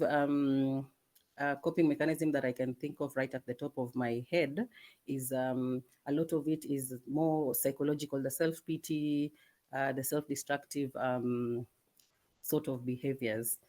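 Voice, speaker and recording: Soft-spoken, hesitant woman dermatologist. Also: extremely low pitch. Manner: measured, many hesitant ums, soft-spoken. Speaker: dermatologist guest. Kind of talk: answering questions in a webinar panel. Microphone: video call.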